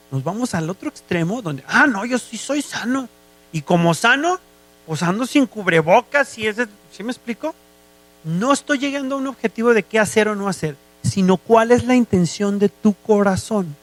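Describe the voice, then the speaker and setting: A man's voice: high-pitched, a bit bright, dry recording. A man with a Mexican accent preaching a sermon as a guest, who often checks whether listeners follow him.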